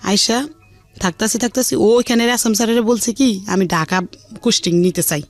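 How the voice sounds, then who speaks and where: A middle-aged woman, appearing as a radio show guest, talks frankly through her life story in colloquial Dhaka Bengali. Her mid-range voice is dry with no echo and keeps a moderate pace, and her animated, earthy retelling is full of reported speech. Music plays behind her.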